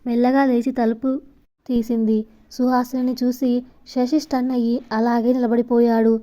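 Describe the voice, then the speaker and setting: A woman narrating an emotional love story in a calm, steady storytelling manner. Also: on the high side, moderate pace.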